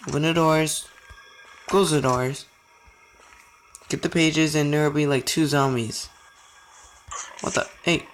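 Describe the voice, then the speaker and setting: A man's voice: a little high, steady tone, takes it slowly, long pauses, a bit bright, soft background music. A young man giving let's play commentary, talking to himself and getting frustrated as he goes. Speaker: gamer.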